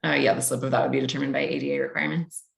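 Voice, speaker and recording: A woman's voice: rumbling low, flat delivery, rapid-fire, creaky, reverberant. A woman staff member presenting plans at a public meeting, hesitant with many ums.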